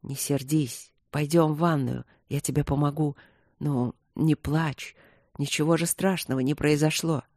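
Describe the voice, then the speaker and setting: A woman voicing a young husband who pleads softly and guiltily. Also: low-pitched, fairly even intonation, measured pace, no echo, studio quality. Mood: guilty. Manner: soft, pleading, half-whispered.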